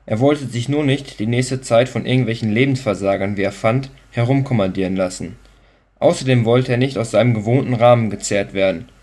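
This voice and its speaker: A man's voice: mid-range voice, fairly quick, a little mellow. A man reading a story aloud in a dry, matter-of-fact way. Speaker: narrator. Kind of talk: scripted narration.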